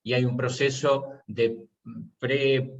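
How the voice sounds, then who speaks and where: A man's voice: medium pitch, little pitch movement, slow pace. A man, a university teacher, explaining his course methods in an online seminar and posing rhetorical questions. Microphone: video call. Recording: muffled video call audio.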